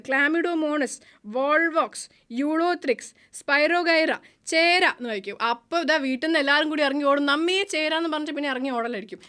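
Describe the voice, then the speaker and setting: A woman with a Malayali accent gives a biology lesson in a high, quick voice. She mixes English science terms into her talk. She keeps quizzing the students and then answers her own questions. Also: a bit bright. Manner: keeps asking questions and answering them herself. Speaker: biology teacher. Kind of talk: online class lecture.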